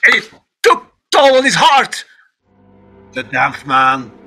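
A man's voice: high-pitched, wildly swooping pitch, takes it slowly, bright, forceful tone, heavily acted. A man playing a callous grown son, blunt and dismissive, over background music. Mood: scheming. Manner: blunt, dismissive, repeats "yeah?". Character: callous grown son glad his father died. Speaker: improv actor.

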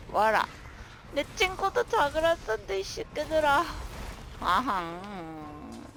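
A woman gamer commentating her own play in an excitable, animated way, barking commands and cursing at monsters. Her voice is bright and slightly gravelly, with a slow, drawn-out delivery. Faint game music plays behind her. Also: medium pitch, slight background noise. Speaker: gaming streamer. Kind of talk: live gameplay commentary.

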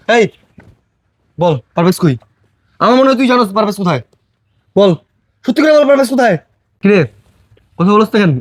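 A man playing a frantic village father, very high voice. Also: no echo, close to an everyday voice. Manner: shouting, accusing, pleading. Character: distraught village father, home after long away. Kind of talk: amateur short film drama.

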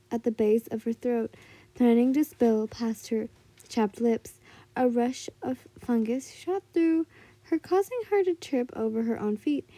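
Amateur female story narrator, high and very mellow, halting delivery with frequent stumbles. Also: dry recording. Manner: halting, stumbles over words and corrects herself.

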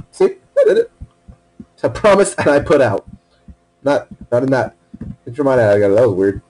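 A man playing a video game alone in a room at his computer, wearing headphones, talking to himself with casual commentary, swearing and bursting into sudden excitement. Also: mid-range voice, breathy edge, rough recording. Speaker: let's play gamer.

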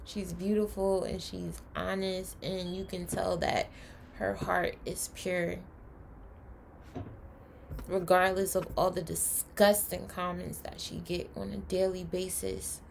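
A woman's voice: on the low side, level tone, takes it slowly, creaky, slight background noise. A woman hosting a reaction video, speaking passionately and emphatically, sometimes lecturing her viewers. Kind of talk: reaction commentary. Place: indoors, home room.

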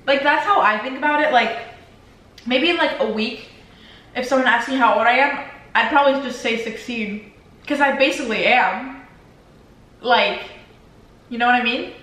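Her voice is fairly high and fairly bright. She's a teenage vlogger, Spanish her first language, answering questions casually while eating on a leather couch in the living room, rambling with plenty of "like" fillers. The far-off camera captures her in a very echoey room.

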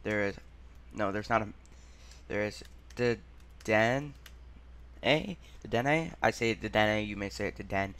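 A man hosting a gaming channel, thinking aloud through a quiz in a muttering, halting way and sounding out words as he goes. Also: on the low side, fairly bright tone.

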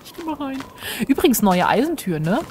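A woman's voice: sits high, sing-song, fairly quick, noisy background. A woman giving chatty, self-mocking commentary while playing a game and talking to her viewers. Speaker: let's player. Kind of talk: casual gameplay commentary.

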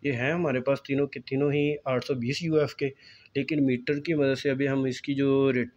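A man, calmly explaining a step-by-step electronics repair at a workbench, recorded on a phone filming his hands. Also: medium pitch, normal speed, dull audio. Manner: calm, explanatory, pointing things out. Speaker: repair technician.

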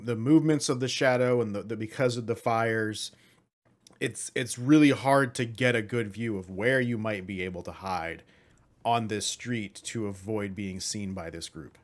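A man narrates a tabletop game as its game master. His voice sits in an ordinary middle pitch, and he often stumbles and repeats words as he describes a scene.

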